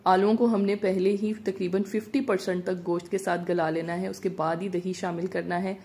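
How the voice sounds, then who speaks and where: Mellow-voiced woman explaining a recipe. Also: on the low side, brisk. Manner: calm step-by-step instructions. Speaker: cooking channel host. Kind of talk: recipe voice-over narration.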